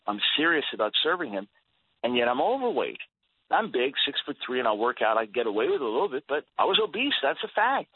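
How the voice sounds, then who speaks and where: An earnest, emphatic man in his sixties, a guest on a radio talk show, who often repeats words as he starts a thought. His voice sits at an ordinary middle pitch. It comes through a thin, phone-like line with a close, dry sound. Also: breathy edge, no echo. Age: 60s. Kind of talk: radio interview.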